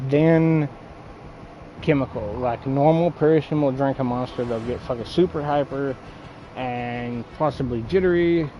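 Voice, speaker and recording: A gaming video creator rambles casually with a lip full of dipping tobacco, blunt and coarse, swearing plenty. His voice is medium-pitched and warm. The recording is muffled with a little background noise.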